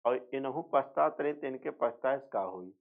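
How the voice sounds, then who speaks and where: A man's voice: mid-range voice, expressive, normal speed, creaky. A male teacher giving an exam revision lecture, repeating points, asking and answering his own questions, and slipping into rural dialect for jokes. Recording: tinny phone-like sound.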